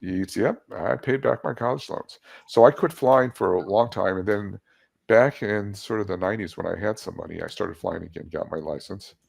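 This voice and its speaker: A man in his seventies, appearing as a guest in a casual storytelling interview, relaxedly recounts tales from his life and laughs at his own jokes. His voice is on the low side and darkish, with vocal fry, at a normal speed.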